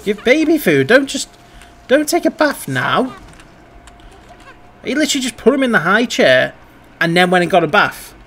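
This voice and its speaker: A man's voice: high-pitched, sing-song, moderate pace, pauses often, fairly bright tone, slight background noise. A man streaming a life-sim game, giving wry, chatty commentary and swearing casually.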